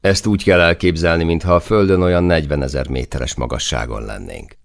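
A man doing a thoughtful soldier, deep and gravelly. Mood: explaining. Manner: explanatory, measured. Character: thoughtful male soldier, explains calmly and precisely.

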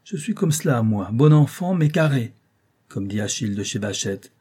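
A man reading an audiobook, voicing a boastful young male dandy in a shrill, grating voice with loud exclamations. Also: expressive, moderate pace, husky. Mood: blustering.

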